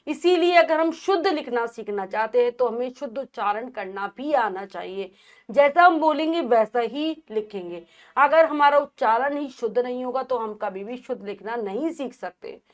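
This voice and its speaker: A woman teacher giving a grammar lesson to children, repeating words slowly and carefully to show the correct spelling. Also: on the high side, lively intonation.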